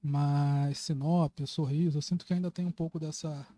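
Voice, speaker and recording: A man's voice: on the high side, fairly even intonation, moderate pace, mellow. A man with a Carioca Brazilian accent, speaking informally and with strong opinions in a casual podcast conversation, with some swearing. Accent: Carioca (Rio de Janeiro) Brazilian. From Rio de Janeiro, Brazil.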